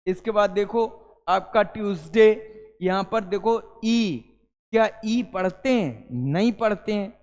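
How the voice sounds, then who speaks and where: A man's voice: high voice, takes it slowly, a little mellow, in a large hall, soft background music. A male English teacher gives a classroom lesson, calling students "beta" and answering his own questions.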